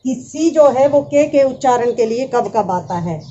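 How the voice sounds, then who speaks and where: A woman's voice: fairly high pitch, lively intonation, normal speed, dark tone, highs cut off, slight background noise. A woman teaching English pronunciation, patiently addressing her students and repeating each word. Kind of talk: classroom lesson explaining pronunciation.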